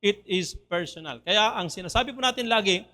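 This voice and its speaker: High, bright Filipino preacher. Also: male voice, brisk. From Philippines. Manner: switches between Tagalog and English, asks the congregation questions. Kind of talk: sermon. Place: church.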